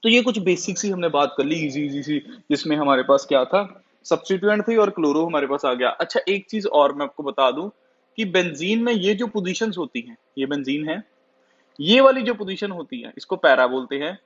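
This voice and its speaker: A man teaching a chemistry class, who often asks the students questions and then answers them himself. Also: a little high. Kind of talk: classroom lecture. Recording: dull lo-fi sound.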